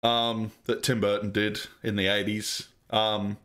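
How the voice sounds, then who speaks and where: Male host, casual let's-play chat, sweary and rambling, lowish voice. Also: little pitch movement, a little slow, fairly bright tone. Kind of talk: casual game commentary.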